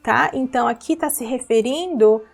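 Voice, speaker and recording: A woman with a slightly high, gravelly voice teaches English pronunciation using song lyrics. She is patient and repetitive, saying words slowly and checking in with her listeners.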